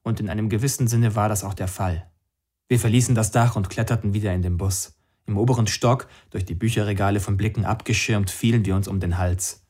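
A man with a somewhat low voice narrates a novel as an audiobook. His delivery is calm and measured, steady scripted storytelling.

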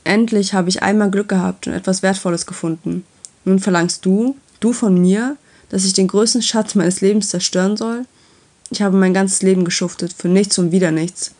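A woman voicing a grumpy, stubborn male dwarf in a storybook reading, gruff and scornful. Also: medium pitch, fairly even intonation, moderate pace, darkish tone, close to an everyday voice. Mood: furious.

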